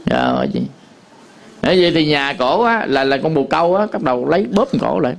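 Man, Buddhist monk, Southern Vietnamese accent, sermon, rambling storytelling, somewhat high pitch. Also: wildly swooping pitch, brisk, vocal fry. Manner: storytelling with many fillers and repetitions. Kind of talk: dharma talk to an audience.

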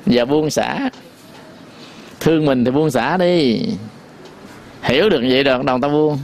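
A man giving a Buddhist sermon, folksy and repetitive, sometimes chanting verse lines slowly. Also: mid-range voice, vocal fry, a little mellow, a little hiss or hum. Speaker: Buddhist teacher.

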